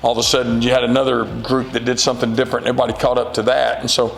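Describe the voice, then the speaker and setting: A man in his forties, a high school football coach, answering interview questions in an earnest, rambling way with many fillers. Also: little pitch movement, rapid-fire, creaky, in a large hall, slight background noise, rough recording. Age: 40s.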